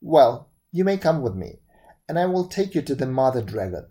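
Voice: medium pitch, big pitch swings, normal speed, warm tone. A storyteller voicing the eldest of seven dragons, who speaks curtly and commandingly.

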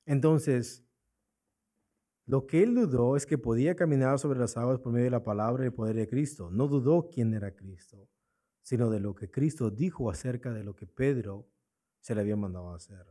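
A man's voice: medium pitch, normal speed, warm tone. A man preaching a sermon in a church, asking his congregation rhetorical questions and repeating his key points. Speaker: pastor.

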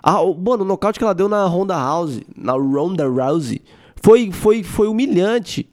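A man with a Brazilian Portuguese accent hosting a podcast, talking in an animated, casual monologue, swearing and laughing often. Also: high-pitched, a little slow. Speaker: podcast host.

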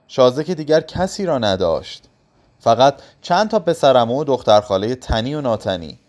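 A man narrating a literary audiobook in a slow, subdued voice. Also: mid-range voice, darkish tone. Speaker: audiobook reader.

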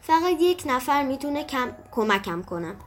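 An eager, playful young boy rabbit from a storybook, acted by a woman. He answers in short, simple phrases in a high voice, and faint music plays underneath. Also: big pitch swings. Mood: childlike.

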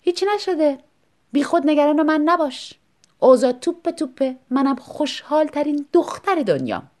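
A sarcastic, upset young wife from a storybook reading, as the narrator puts her on. Her voice rides high and lively, cutting and biting with every line. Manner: sharp, sarcastic, raised high voice.

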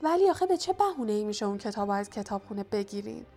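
A woman's voice: mid-range voice, sing-song, mellow, faint music behind. A woman narrator voicing a mocking, hot-headed young schoolboy wizard who talks in a sarcastic, indignant way.

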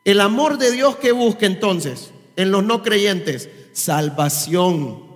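Male preacher, high pitch, sermon, questions to the congregation, long church-hall reverb. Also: expressive, unhurried. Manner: quizzes the congregation with rhetorical questions. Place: church service.

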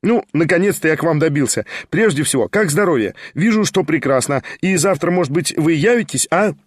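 A jittery, excitable young schemer, put on by a male reader pours out his words in a quick, lifted voice. He chatters and presses on without pause. The sound is dry and close. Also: fairly high pitch, slightly rough, no room sound, voice pushed up. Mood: eager, chattering. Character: eager fast-talking scheming young man.

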